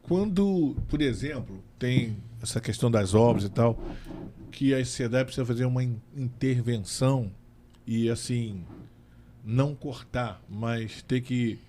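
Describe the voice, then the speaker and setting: A man's voice: mid-range voice, unhurried, dark tone, a little hiss or hum. A man who is a city councillor, moderating a public question session and speaking firmly, with some restarts. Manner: firm, scolding at times, with restarts.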